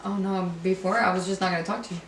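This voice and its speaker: A woman's voice: mid-range voice, steady tone, rapid-fire. A woman chatting casually, candid and emphatic, acting out remarks as she quotes them. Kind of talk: casual conversation. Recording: echoey, distant mic, faint background noise.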